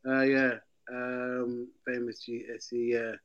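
A man's voice: medium pitch, completely flat delivery, slow pace, a bit bright, highs cut off. A man with a London roadman accent hosting a casual football chat, slangy and often repeating his phrases. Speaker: football show host. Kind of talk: casual banter.

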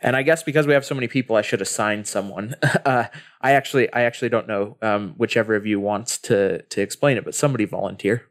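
A man's voice: on the low side, fast talker. A man hosting a podcast, introducing guests and leading the talk in a casual way. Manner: friendly, leads the talk. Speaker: host.

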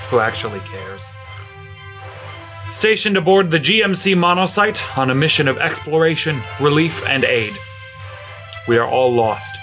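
A man's voice: medium pitch, close to an everyday voice. An actor playing an embattled, despairing male starship commander in a sci-fi audio drama.

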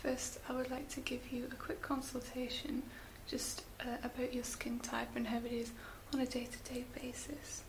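A woman whispering gently as a spa beauty therapist in an ASMR roleplay, slow and soft with little fillers. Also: a little high, monotone. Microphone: close sensitive mic. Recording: hissy close mic.

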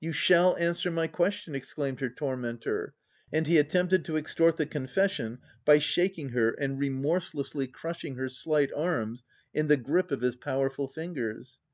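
A man's voice: mid-range voice, normal speed, darkish tone, lo-fi sound. Man reading a classic novel aloud. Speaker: audiobook reader. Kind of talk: scripted narration.

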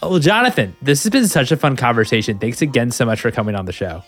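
A man's voice: mid-range voice, animated, quick pace, fairly bright tone. A man hosting a podcast interview, enthusiastic and effusive with thanks. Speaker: podcast host.

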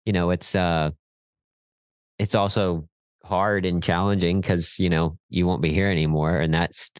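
A man's voice: low voice, level tone, a little slow, no room sound. A middle-aged man, a podcast co-host chatting casually in an encouraging way. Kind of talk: casual chat.

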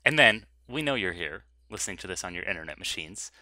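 A man's voice: low-pitched, lively intonation, fast, bright, forceful tone, dry recording. A man co-hosting a podcast, chatting casually with dry, teasing humor. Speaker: podcast co-host. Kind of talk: casual banter.

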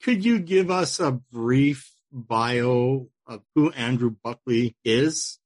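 This man's voice is mid-range and animated, and he takes his time, captured in a dry recording. As host of a casual podcast interview, he poses questions in a warm, conversational style.

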